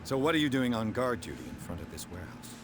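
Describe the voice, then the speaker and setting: An actor playing a composed, inquisitive private detective in a video game, with measured, formal speech. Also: male voice, lowish voice, big pitch swings, over music. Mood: probing, composed.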